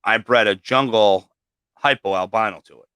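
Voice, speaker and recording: A man talks loosely about his reptiles, sprinkling in swear words and fillers. His voice is bright and clean, with a crisp edge. The sound is dry, with no room echo. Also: fairly low pitch, normal speed. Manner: casual, swears often, many fillers. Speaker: livestream host and snake breeder. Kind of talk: casual chat.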